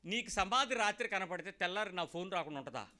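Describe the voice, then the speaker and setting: A man's voice: high voice, fast talker. A man preaching a sermon as pastor, joking and talking straight to the listeners, acting out the people he quotes. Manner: lively, joking, talks straight to listeners and acts out callers.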